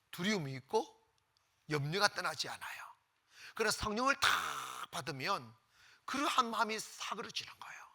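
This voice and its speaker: A pastor preaching a sermon, swinging from loud exclamations to near-whispers and repeating phrases for emphasis. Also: male voice, sits high.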